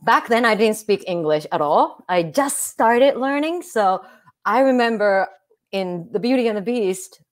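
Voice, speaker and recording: A woman's voice: mid-range voice, lively intonation, measured pace. A woman from Japan with a Japanese accent, a guest in a casual interview, friendly and giggly, sometimes searching for words. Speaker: guest performer.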